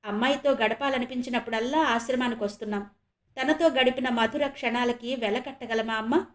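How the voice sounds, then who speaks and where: A woman voicing a kind, wealthy middle-aged adoptive father who talks eagerly and warmly in a read-aloud audio novel. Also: very high voice, steady tone, a little fast, roomy sound. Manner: eager, warm, generous.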